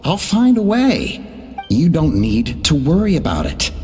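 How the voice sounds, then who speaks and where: Game casting: pleading, determined daughter, drawn-out delivery, long echo. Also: female voice, low voice, huge pitch swings, dark tone, slight background noise, heavily acted. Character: pleading, determined grown child addressing a parent.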